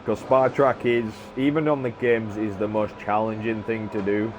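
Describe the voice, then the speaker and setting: Man, low voice, streamer chatting loosely while racing, lots of ums, noisy background hiss. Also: normal speed. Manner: rambling, full of filler sounds. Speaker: gaming streamer. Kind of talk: casual chat while playing a racing game. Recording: steady background noise.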